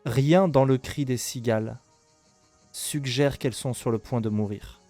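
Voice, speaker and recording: A man narrating a tabletop role-playing game as game master, improvising dramatically with suspenseful pauses. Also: medium pitch, mellow, faint music behind.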